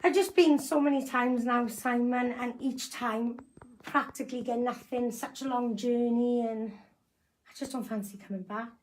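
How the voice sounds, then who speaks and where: A woman from the Welsh Valleys with a strong local accent and a high voice. She talks like a casual live-streamer on a ghost hunt, blunt and quick to put herself down. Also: steady tone, darkish tone, low-quality recording. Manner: self-deprecating, blunt. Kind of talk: casual live-stream chat and calling out to spirits.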